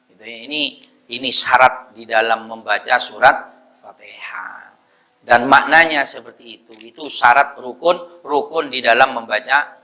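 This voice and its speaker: A man teaching a mosque study session on prayer, slowly demonstrating recitation and then explaining in quick bursts. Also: medium pitch, bright, forceful tone, poor audio. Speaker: religious teacher.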